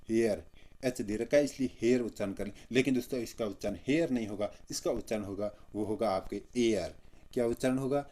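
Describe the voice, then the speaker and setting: A man's voice: mid-range voice, a little mellow. A male teacher giving an exam-prep grammar lesson, drilling points with repeated questions he answers himself.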